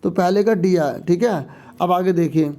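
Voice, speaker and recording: A male teacher with a high, mellow voice talks through a sample exam paper. He reads each question out slowly, then explains it patiently and keeps checking that the class is following.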